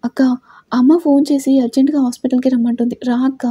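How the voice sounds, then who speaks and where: Woman reading a worried young guy, urgent and anxious, mellow husky voice. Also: high-pitched, steady tone, fast, dry recording, studio quality. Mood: alarmed. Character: worried young man, protective brother.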